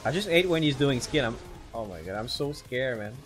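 A man commentating live on his own gameplay as a streamer, excitable and tacking "man" onto nearly every line. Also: medium pitch, brisk, soft background music. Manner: excitable, repeats "man" constantly. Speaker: game streamer.

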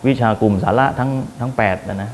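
A man's voice: mid-range voice, fairly even intonation, quick pace, darkish tone, slight background noise. A man, a school administrator, explaining the school's subjects in a plain-spoken interview manner.

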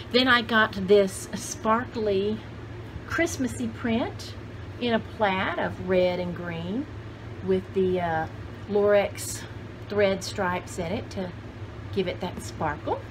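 This sixties-aged vlog host speaks slowly in a mid-range, expressive voice, pausing often as she shows thrift haul finds to camera. Casual, rambling, and enthusiastic with exclamations, she records indoors in a cluttered home craft room with clearly noisy home video background.

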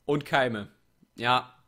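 A young man with a cold doing excitable let's play commentary on a game, with jumpy exclamations and self-mocking remarks. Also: mid-range voice. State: sick with a cold, coughing. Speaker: gaming YouTuber.

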